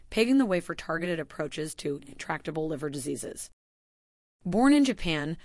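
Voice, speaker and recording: A woman with a low-pitched voice reads a scripted announcement in a measured, formal way, slowing to stress each name. The sound is close and dry, with no room behind it. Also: dry recording. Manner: measured, formal delivery with slow stressed names.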